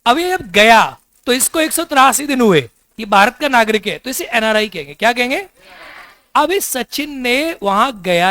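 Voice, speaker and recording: A man's voice: extremely high pitch, sharp tone, no room sound. Joking classroom teacher quizzing his students. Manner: quizzes the class with repeated questions, teasing and joking. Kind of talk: classroom lecture.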